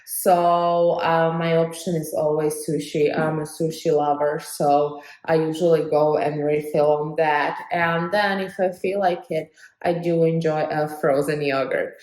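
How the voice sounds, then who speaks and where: A young woman from Slovakia speaks to her vlog audience in Slovak-accented English. Her pitch sits slightly low and she takes her time over each phrase. The delivery is earnest and measured, a casual catch-up with viewers. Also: fairly even intonation, a little mellow, rough recording. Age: 20s. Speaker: fitness vlogger. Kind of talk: casual vlog talk to camera.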